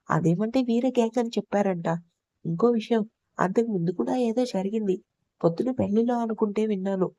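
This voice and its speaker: A woman's voice: medium pitch, dark tone, no echo, close to an everyday voice. A woman voicing a loyal male friend who explains things earnestly.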